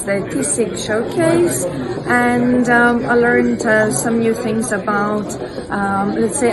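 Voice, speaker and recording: A woman attendee giving a short upbeat vox pop at a conference, with hesitant fillers. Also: a little high. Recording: busy conference hall crowd.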